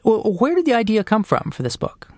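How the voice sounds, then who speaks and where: Radio host, scripted intro, conversational questions, mid pitch, dry studio. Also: huge pitch swings, fairly quick, dry recording. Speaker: radio interviewer. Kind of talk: public radio interview.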